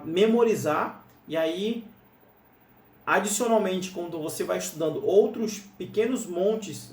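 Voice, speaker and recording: Teaching English through a screen-share walkthrough, a Brazilian man with a Brazilian Portuguese accent speaks in a high, slightly mellow voice. He explains patiently, repeats himself, and frequently asks "né?", captured on a slightly distant mic in a roomy space with faint noise.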